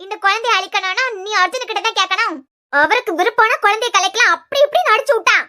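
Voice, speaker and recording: A woman's voice: extremely high pitch, fast, bright, forceful tone. A woman voicing a scheming, spiteful young woman who sneers as she gossips, in a Kanyakumari Tamil accent, in a cartoon serial. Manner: sneering, indignant.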